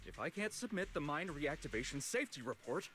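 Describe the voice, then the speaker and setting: A self-important, clueless manager in a video game. His voice is high and sharp, swinging widely in pitch as he plays someone in need of rescue. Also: very animated, brisk, faint music behind. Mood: pleading, self-important.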